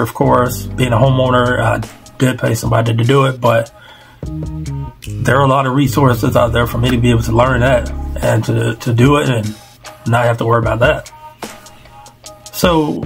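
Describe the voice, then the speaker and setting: Speaking into the headset microphone of his webcam setup, a forties-aged man records a laid-back personal vlog in his small home bedroom. He wanders from point to point, self-deprecating and heavy on fillers. His voice is medium in pitch and creaky.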